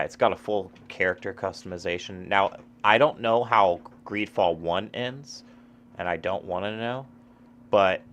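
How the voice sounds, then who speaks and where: A low-voiced man talks casually about video games. His chat is loose and profane, full of fillers and restarts as he rambles from one thought to the next. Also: fairly bright tone, slight background noise. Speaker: gaming streamer.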